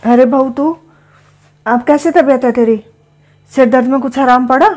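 A woman's voice: high-pitched, moderate pace. A woman playing a patient, kindly mother-in-law. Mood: caring. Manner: gentle and accommodating. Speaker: actress. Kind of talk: Hindi family drama acting.

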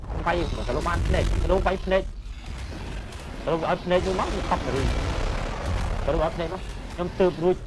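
A high-voiced man talks at a breakneck clip as he streams a game. His commentary comes in excited bursts of repeated exclamations. Loud game noise runs underneath his voice. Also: very fast, long pauses. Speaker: gaming streamer.

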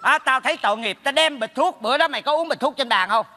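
A blunt teasing neighbor. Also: male voice, very high-pitched, lively intonation, pushed and bright, long reverb tail, exaggerated voice. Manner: teasing, blunt, rapid scolding. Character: blunt meddling male neighbor friend. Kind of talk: stage comedy sketch. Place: theater stage.

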